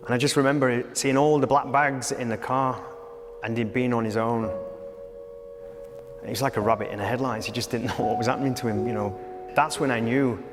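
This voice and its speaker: A man who manages children's homes, telling his story in an interview in an earnest, halting way, repeating himself as emotion catches him. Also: medium pitch, in a large hall.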